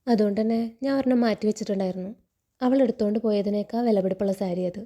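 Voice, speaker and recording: Woman reading calm fatherly man, firm, mellow dark voice. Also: medium pitch, very fast, close to an everyday voice. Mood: firm kind. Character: fatherly wealthy older man, kind but firm.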